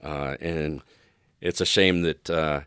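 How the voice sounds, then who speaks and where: With an extremely low, steady voice that is pushed, bright, clear and resonant, a man answers as an expert in a conversational interview. Agreeable and measured, he hedges and restarts while explaining. There is no room sound; the audio is dry.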